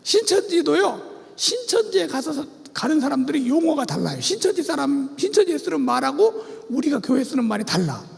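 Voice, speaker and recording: A man preaches at a church seminar in a strikingly high, gravelly voice that swings up and down with energy. He keeps firing questions at the congregation and leads them in call-and-response. His voice rings out with a long reverb through the sanctuary. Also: very animated, a little fast. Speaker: pastor teaching about cults.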